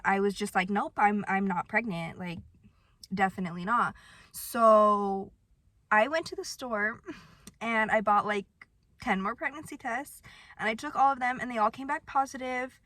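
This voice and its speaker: Young woman, vlogger, chatty storytelling, self-mocking, filler-heavy, mid-pitched, close dry sound. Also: fairly bright tone, no echo. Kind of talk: casual storytelling to camera.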